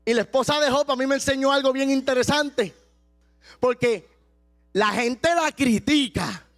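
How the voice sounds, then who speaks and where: A pastor preaching a sermon with passion, at times slowing down and shouting for emphasis. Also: male voice, extremely high pitch, faint music behind.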